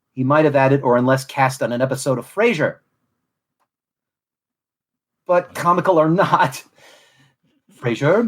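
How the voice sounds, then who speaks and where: A man from Southwest Florida hosting a podcast in a reflective monologue, with a mid-Atlantic accent that slides toward Southern and elaborate, formal phrasing. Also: medium pitch. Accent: mid-Atlantic, shifting toward Southern. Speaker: podcast host.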